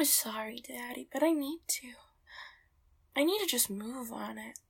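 Breathy, whispering high-voiced woman. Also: a little slow. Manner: soft, breathy, close whispering with soft laughs. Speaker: audio roleplay performer. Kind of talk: intimate whispered roleplay.

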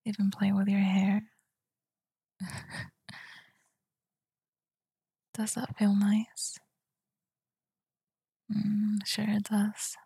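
A woman whispering softly in a tender, soothing ASMR roleplay, speaking close to the mic. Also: mid-range voice, dry recording. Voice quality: breathy whisper. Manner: soft, tender and soothing, slow murmurs. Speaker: girlfriend roleplayer.

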